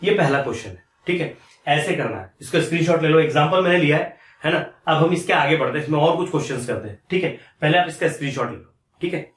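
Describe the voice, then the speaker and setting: A man's voice: a little high, lively intonation, fast, recorded from a distance. Man teaching maths in an echoey room. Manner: repeats steps, asks and answers his own questions. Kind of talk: explaining step by step on a board.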